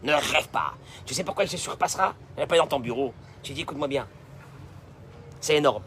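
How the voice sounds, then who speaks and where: A male rabbi preaching a sermon, emphatic and repetitive, swinging between loud declarations and hushed asides. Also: fairly high pitch, expressive, fairly quick, a little hiss or hum.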